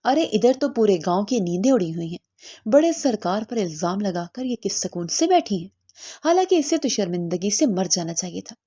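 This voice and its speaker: A woman voicing a sharp-tongued village woman who taunts and sneers. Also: mid-range voice, very animated, slightly rough. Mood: sneering.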